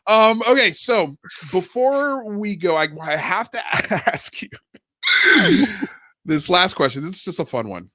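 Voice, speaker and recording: A man's voice: sits high, expressive, measured pace, pushed and bright, no room sound. A man hosting a casual interview in an effusive, informal way. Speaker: livestream host.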